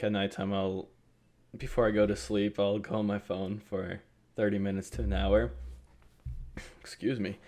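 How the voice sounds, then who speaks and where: A young man talks through a casual podcast with a buddy, his voice sitting a bit low. He rambles in loose bursts, restarting sentences and teasing his co-host. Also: gravelly. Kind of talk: casual chat.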